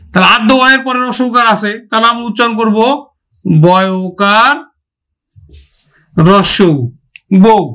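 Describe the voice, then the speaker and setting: A man teaching an online grammar lesson. He asks questions, answers them himself, and stretches out each example word slowly. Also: high voice, pushed and bright. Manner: slow, drawn-out pronunciation of example words.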